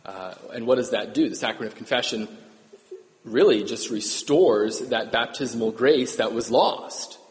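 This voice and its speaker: A man's voice: medium pitch, unhurried. A man serving as priest, reading the gospel and giving a homily in a casual, self-correcting way that keeps checking in with the congregation, heard with a cathedral echo. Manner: conversational, self-correcting, asks the congregation "right?". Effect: cathedral echo, long church reverb. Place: large church. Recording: long echoey church reverb.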